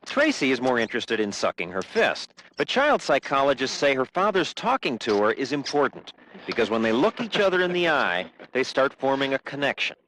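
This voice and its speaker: A man narrating a TV news report in a measured, explanatory way. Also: medium pitch, very animated, fairly bright tone, slight background noise, rough recording.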